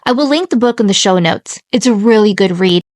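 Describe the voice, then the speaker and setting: A young woman co-hosting a casual podcast, reading a ghost tale with giggles and slow spooky emphasis. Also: medium pitch, lively intonation, no room sound. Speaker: podcast co-host.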